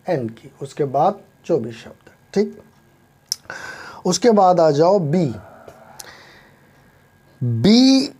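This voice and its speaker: A man with a fairly high, mellow voice gives a spoken English lesson in Hindi, spelling words letter by letter and frequently calling his listeners friends.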